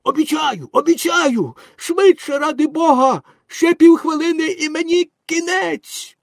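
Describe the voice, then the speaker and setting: A man's voice: high voice, animated, slow pace, a little mellow, no room sound, studio quality, voice pushed up, full character voice. A man voicing a desperate male police dog in an audiobook, pleading frantically. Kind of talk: audiobook character voice.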